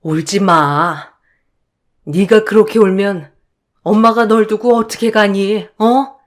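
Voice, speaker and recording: A woman voicing a gentle, resigned older mother in a radio drama, soothing her daughter. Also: medium pitch, steady tone, takes it slowly, close to an everyday voice.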